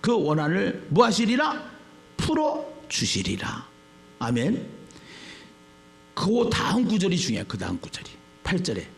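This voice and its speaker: A male pastor preaching a sermon. He repeats phrases for emphasis and swings from low murmurs to shouted lines. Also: huge pitch swings, normal speed, creaky.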